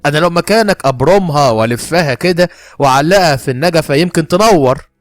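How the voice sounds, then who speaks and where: A man's voice: a little high, expressive, fast talker, soft background music, pitched below the performer's own voice, natural voice. A man playing a harsh, scornful, middle-aged Egyptian workshop father who talks in a mocking, sarcastic way with an Egyptian Arabic accent. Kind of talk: horror story narration.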